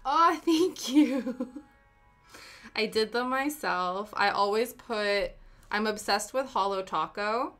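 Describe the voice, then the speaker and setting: Faint music plays as a young Canadian woman, living in the UK, chats from home with her live-stream viewers, giggling as she replies to chat. She takes her time, speaking at medium pitch with a slightly bright sound.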